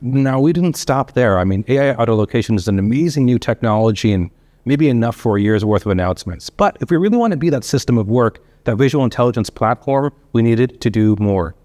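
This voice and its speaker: A man's voice: medium pitch, expressive, a little fast, darkish tone, no room sound. A man giving a keynote product presentation with polished corporate enthusiasm, conversational, in short punchy phrases with rhetorical questions. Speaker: company chief executive giving a keynote.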